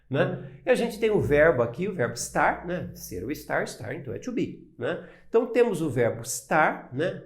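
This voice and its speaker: A man with a Brazilian Portuguese accent teaching an English lesson, explaining patiently and often checking understanding with short tag questions. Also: on the high side.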